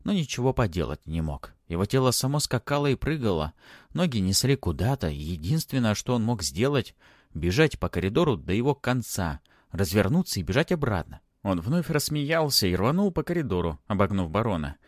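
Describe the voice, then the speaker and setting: A man reading a fantasy audiobook aloud in an expressive, dramatic way. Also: lowish voice, a little fast, no echo, studio quality. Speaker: audiobook reader. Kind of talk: audiobook narration.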